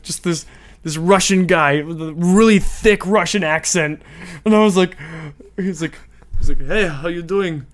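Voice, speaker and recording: A man from Canada co-hosting a casual podcast, telling stories in a rambling way and laughing often. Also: a little high. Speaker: podcast co-host. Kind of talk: casual chat.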